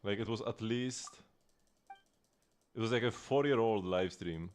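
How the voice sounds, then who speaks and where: Streaming a game, this late-twenties man chats in a clear, resonant, lowish voice at a measured pace. His talk wanders, with plenty of restarts and laughter.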